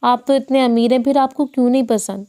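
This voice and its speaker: A woman's voice: on the high side, steady tone, dark tone, natural voice. A woman voicing a caring, cheerful young wife in an audiobook. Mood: playful. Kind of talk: audiobook dialogue.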